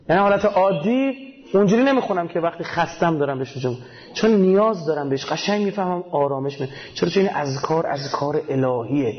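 A man giving a casual, colloquial religious talk, emphatic and full of rhetorical questions he answers himself, with homely everyday examples. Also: on the high side. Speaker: religious speaker. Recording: dull lo-fi recording.

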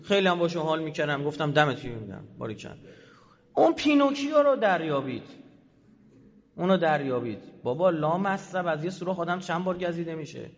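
Fiery male speaker, fairly high voice, sarcastic, rising to loud bursts, dull hall recording. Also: lively intonation. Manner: heated, sarcastic, swings between loud bursts and low asides. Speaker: head of an institute. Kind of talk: animated talk to an audience. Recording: dull lo-fi audio in a reverberant hall.

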